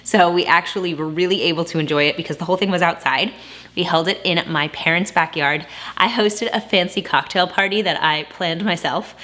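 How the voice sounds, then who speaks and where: Woman, 30s, low-pitched, bright tone, casual vlog chat, slightly breathless. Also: fairly quick. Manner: chatty, upbeat, frequent laughs. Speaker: vlogger.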